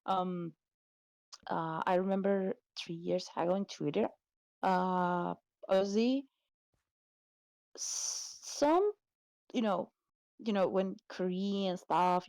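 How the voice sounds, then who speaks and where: Slow-talking blunt woman streamer. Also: fairly low pitch, steady tone, a little mellow, no room sound, rough recording. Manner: blunt, swears a lot, nonnative English. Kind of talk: casual chat.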